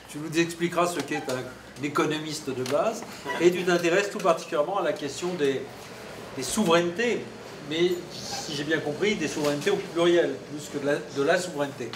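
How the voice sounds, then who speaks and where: A man hosting an academic event, introducing speakers in hesitant, broken-up phrases. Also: a little high. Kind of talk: semi-improvised academic introduction. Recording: echoey room, distant mic, faint noise.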